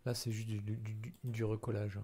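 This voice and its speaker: A man's voice: on the low side, little pitch movement, normal speed, mellow. A tired man thinking aloud with hesitation as he edits a video at his computer. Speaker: video editor commenting his work. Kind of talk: casual screen-recording commentary.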